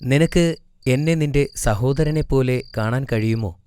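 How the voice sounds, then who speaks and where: A man voicing a gentle young prophet who rules in a cartoon story, speaking earnestly. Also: medium pitch, measured pace, smooth, close to an everyday voice.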